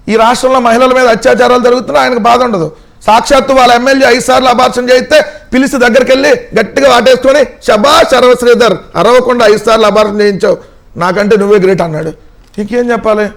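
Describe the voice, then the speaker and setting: Fast, high-pitched mocking panelist man. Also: vocal fry. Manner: mocking, rapid rhetorical questions. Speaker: political panelist. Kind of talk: heated TV panel debate.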